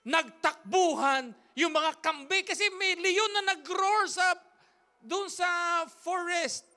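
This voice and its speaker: A woman's voice: very high-pitched, slow, bright, forceful tone. A woman pastor, telling a story in a sermon with emphatic, repetitive, rhythmic phrasing. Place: church service.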